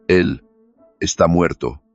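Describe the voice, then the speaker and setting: A man's voice: low voice, slow pace, no room sound. A man voicing a shaken young woman lawyer whose husband has just died, speaking with a tense, trembling restraint. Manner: tense, shaky, flat even when upset. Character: anxious young woman lawyer, newly widowed. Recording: dull lo-fi recording with faint music.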